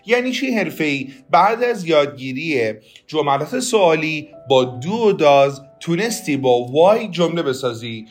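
A man teaching English on a podcast, saying each practice phrase slowly and clearly so the listener can repeat it. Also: a little high, big pitch swings, soft background music.

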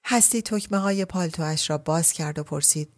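A woman narrating a literary story as an audiobook, reading at a measured pace. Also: deep voice.

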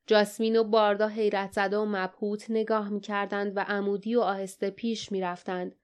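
A woman's voice: level tone, a little mellow, smooth. A woman narrating an audiobook, reading the characters' dialogue with a livelier, raised voice. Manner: reads dialogue with raised pitch and energy.

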